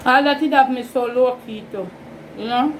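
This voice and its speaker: Here a high-pitched woman vlogger with a Jamaican accent talks her way through a mukbang, informal and in no rush. Her phrasing is Creole-inflected and wandering. A fan whirs steadily behind her on a low-quality recording.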